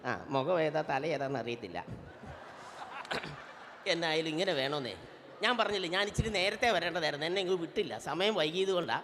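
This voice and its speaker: A man's voice: on the high side, expressive, brisk, pauses often, a little hiss or hum. A man playing a brash, teasing middle-aged auntie, bossing the crowd around as a stage comedian and emcee. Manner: loud, bossy, teasing, calls people up to the stage. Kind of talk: live stage comedy with audience banter. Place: convention hall stage. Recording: reverberant convention hall PA.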